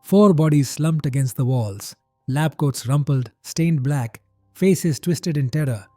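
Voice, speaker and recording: Male narrator for scripted horror, grim and measured, dark warm tone, faint music bed. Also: fairly high pitch, dry recording.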